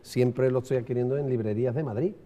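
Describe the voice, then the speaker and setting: A man moderating a panel in a discursive, hesitant way, circling slowly toward his questions. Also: medium pitch, fairly even intonation, dark tone. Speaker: round-table moderator. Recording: long hall reverb.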